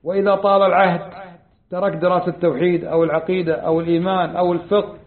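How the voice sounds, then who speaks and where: A man's voice: high-pitched, flat delivery, very fast. A man teaching a lesson on Islamic creed, quizzing his audience with rhetorical questions in a conversational way. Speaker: religious teacher. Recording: tinny lo-fi lecture recording.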